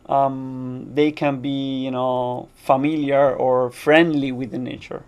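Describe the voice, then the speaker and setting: A man with a Cuban accent, a native Spanish speaker, explaining things in halting non-native English as a guest. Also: mid-range voice, level tone, clear, resonant tone. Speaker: guest shark researcher.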